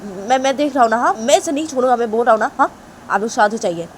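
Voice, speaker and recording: A woman voicing a man who gives insistent orders and calms others down. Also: a little high, quick pace, a little hiss or hum, voice pushed up, close to an everyday voice. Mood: calming. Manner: commanding, insistent.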